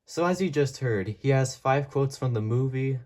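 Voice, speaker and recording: A man's voice: medium pitch, animated, normal speed. A man giving a casual product comparison as a toy reviewer. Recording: mellow home recording, faint noise.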